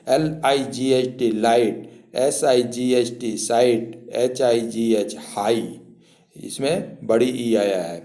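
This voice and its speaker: A man teaching a spoken lesson at a slow, unhurried pace. He spells words out letter by letter in a mellow, dark voice. The room around him echoes. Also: mid-range voice. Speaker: English teacher.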